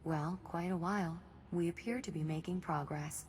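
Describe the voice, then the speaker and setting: Low-voiced, precise female facility aide played by an actress. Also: a little mellow, a little hiss or hum, natural voice. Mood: grave, measured. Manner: measured, formal, exact. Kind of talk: video game voice acting.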